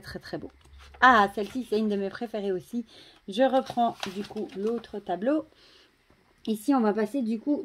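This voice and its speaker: A French woman casually showing and admiring tarot cards, chatty, often dropping to a soft murmur. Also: medium pitch. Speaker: tarot deck reviewer. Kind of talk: casual show-and-tell.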